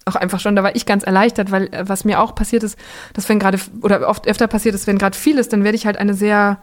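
A woman's voice: mid-range voice, little pitch movement, fast talker. A woman in her twenties, a podcast guest, talking casually in long winding sentences full of fillers and restarts. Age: 20s. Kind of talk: casual conversation.

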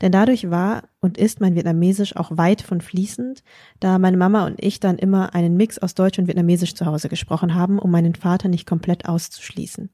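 Woman, podcast host, husky, dark tone, relaxed colloquial talk. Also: on the low side, brisk, no room sound, clean studio sound. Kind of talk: casual conversation and reading out a listener message.

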